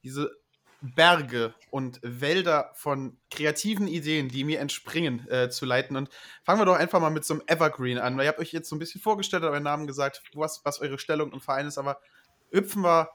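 A man's voice: a little high, a little fast, a bit bright. A man co-hosting a podcast, playful and mock-grandiose as he asks questions. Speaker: podcast co-host. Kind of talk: casual podcast chat.

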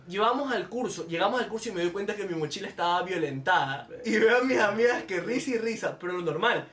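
A young man hosts a casual comedy podcast, racing through anecdotes at a quick clip. His voice sits high for a man, and he keeps jumping into the voices of the people in his stories. The room around him rings with echo. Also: distant mic. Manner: animated storytelling, slips into quoted voices. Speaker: podcast host.

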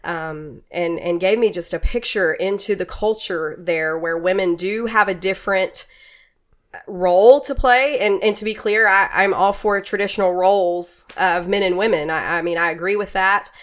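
A woman guest on a podcast, talking earnestly and warmly about a mission trip, with small restarts. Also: fairly low pitch, normal speed. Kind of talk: casual podcast chat.

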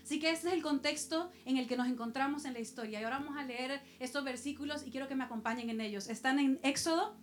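Woman pastor, high voice, storytelling sermon with faint music underneath. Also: fast talker, hardly any pauses. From El Salvador. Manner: personal storytelling with rhetorical questions to the congregation.

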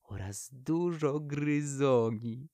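A man's voice: medium pitch, very slow, warm tone, no room sound, voice pushed up. A man voicing a small, curious female owl in a storybook, light and dreamy. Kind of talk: storybook character voice.

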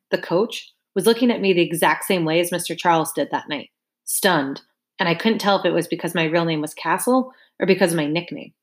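A woman reading a first-person audiobook narration in a casual, wry, conversational way. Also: fairly low pitch.

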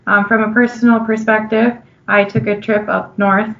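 A woman with a Minnesotan accent talks as a guest in a relaxed interview, friendly and upbeat. Her voice sits at an everyday middle pitch. The sound is dull and lo-fi. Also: moderate pace, creaky. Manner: friendly, upbeat, laughs easily. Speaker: customer analyst guest. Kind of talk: casual conversational interview.

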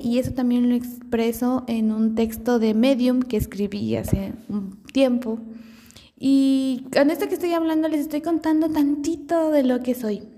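A woman's voice: sits high, warm tone, in a large hall. A woman hosting her own podcast in a chatty, self-deprecating monologue, thinking aloud with fillers. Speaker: podcast host. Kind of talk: casual solo podcast monologue.

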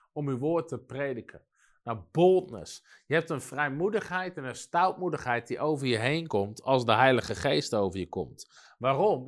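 A man preaching a sermon in a studio, telling stories and acting out the voices of the people in them. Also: fairly high pitch. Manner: lively storytelling, acts out quoted voices.

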